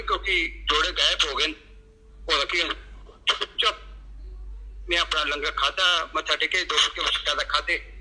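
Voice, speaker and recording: Bright, husky middle-aged man telling a story. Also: a little high, low-quality recording. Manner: lively storyteller acting out his own quoted words. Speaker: devotee sharing a satsang experience. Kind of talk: devotional testimony storytelling.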